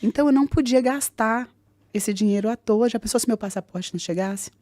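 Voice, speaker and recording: A woman with a voice on the high side, recorded with no room sound, appears as a podcast guest; she is a jiu-jitsu fighter. She tells a personal story animatedly, acting out the dialogue in quick voices.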